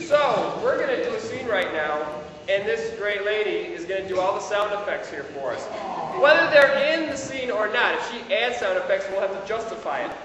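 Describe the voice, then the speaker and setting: A man with a very high voice emcees a live improv show, switching from upbeat patter to loud fatherly ranting. He is heard from far off in a big echoing theater with a long reverb tail. A loud audience laughs around him. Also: big pitch swings, normal speed, dull audio, crowd noise. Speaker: improv show host and performer. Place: theater stage. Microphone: distant room mic. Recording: echoey theater audio from far off.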